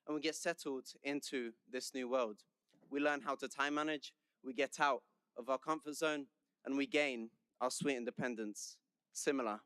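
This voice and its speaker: Smooth-voiced young London man. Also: medium pitch, a bit bright, no room sound. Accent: London English. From London, England. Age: young adult. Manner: chatty, joking and conversational. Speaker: senior class speaker. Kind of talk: commencement speech.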